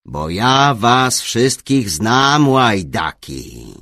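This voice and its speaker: A man voicing a gruff, self-pitying older male bishop who mocks and scolds loudly, in an audiobook. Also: medium pitch, wildly swooping pitch, slow, dry recording, studio quality, voice pushed up, exaggerated voice. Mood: gruff mocking. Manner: mocking, lordly, bursts of loud scolding. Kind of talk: audiobook character reading.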